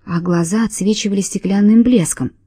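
Woman, audiobook narrator, first-person story reading, mellow warm voice, dry close sound. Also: medium pitch, brisk, husky, no room sound.

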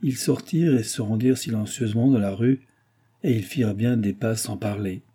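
A man narrating a classic novel as an audiobook in a steady, measured reading. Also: fairly low pitch, slightly rough. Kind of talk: reading a 19th-century novel aloud.

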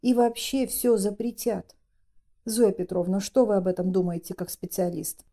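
A woman's voice: mid-range voice, normal speed, mellow, natural voice. A woman voicing a stern, nervous middle-aged wife who speaks in a pressing tone.

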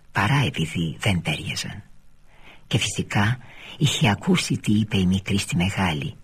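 A man reading a literary novel aloud for radio, in a measured way that often sinks to a near-whisper. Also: on the low side, slightly rough. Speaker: reader.

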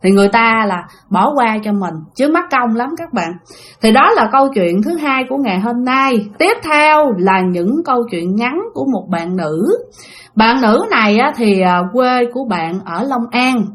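A woman's voice: a little high, lively intonation, normal speed. A young woman, chatting through ghost stories and talking straight to her listeners. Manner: chatty, addresses listeners directly. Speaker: storyteller.

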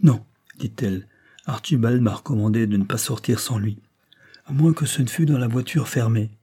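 A man voicing a timid, gentle young noble wife who speaks softly and apologetically. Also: mid-range voice, normal speed, slightly rough. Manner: soft and apologetic.

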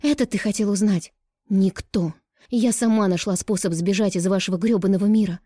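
A woman voicing a defiant young woman who is crying and shouting in high outbursts. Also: fairly even intonation, moderate pace, breathy edge, no room sound, studio quality, close to an everyday voice. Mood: furious.

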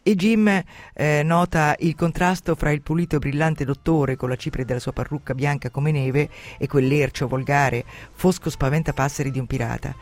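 A man hosting a radio program on literature, retelling and commenting on an adventure novel in a lively, dramatic way. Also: fairly high pitch, moderate pace, hardly any pauses. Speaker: radio host presenting a novel.

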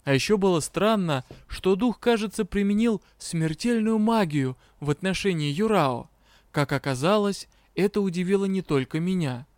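A man reading a fantasy novel aloud as narrator, with a steady storytelling delivery. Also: sits high, moderate pace, dry recording, clean studio sound. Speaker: audiobook narrator. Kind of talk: scripted narration.

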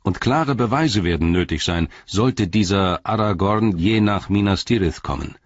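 A man's voice: fairly low pitch, moderate pace, no room sound, lo-fi sound, close to an everyday voice. A man voicing a stern, probing captain. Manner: stern, interrogating. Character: stern probing male captain, grave and commanding.

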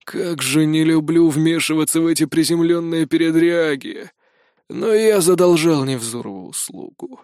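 A man playing a mysterious, slightly hoarse old gentleman from an audiobook, unhurried and formal. His voice sits a touch high for a man and is recorded dry, with no room sound. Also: no echo, lightly acted. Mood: weary.

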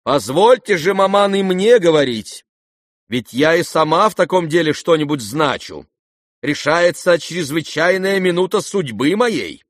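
A man's voice: on the high side, very animated, unhurried, dry recording, clean studio sound, pitched above the performer's own voice. A man voicing a headstrong, proud young noblewoman in an audiobook who talks with cool sarcasm. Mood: mocking.

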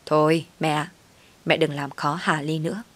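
A woman's voice: sits low, flat delivery, moderate pace, dry recording. A woman voicing a sulky, self-serving young husband who talks curtly. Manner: curt and dismissive.

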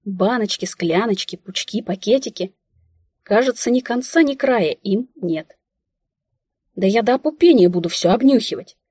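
A woman narrating an audiobook in the first person, ironic and expressive. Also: mid-range voice, moderate pace, slightly rough, no room sound, studio quality.

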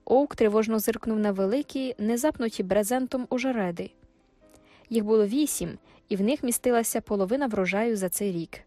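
A woman's voice: on the high side, a little fast, mellow, no room sound, faint music behind. Woman narrating a classic novel. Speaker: audiobook narrator. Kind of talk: literary audiobook narration.

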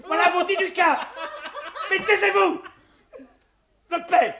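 An actor playing a naive, excitable young male student in a vintage radio drama. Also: very high voice, slow pace, vocal fry, very noisy, exaggerated voice. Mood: indignant. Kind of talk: 1950s French radio drama acting.

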